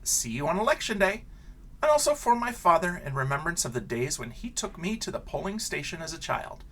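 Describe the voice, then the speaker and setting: Reading a picture book to children at a brisk pace, a man who teaches throws in expressive questions and casual asides aimed at his young audience.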